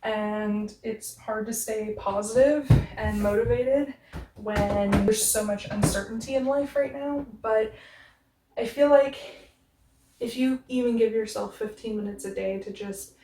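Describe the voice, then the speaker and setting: Over music, a young woman casually explains how she organizes her shoes, chatty and upbeat at a measured pace with fairly even intonation, and mentions her booming voice. She's in a small, echoey bedroom with shoe bins, recorded on a camera mic first up close and then from across the room.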